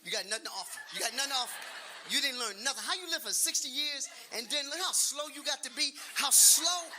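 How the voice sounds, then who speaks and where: A man in his late fifties works a comedy stage, loud and animated, firing off punchlines twice and talking straight to the crowd. His voice sits unusually high for a man. The live recording carries clear audience noise behind him. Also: fast talker. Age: 50s. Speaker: stand-up comedian. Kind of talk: stand-up comedy.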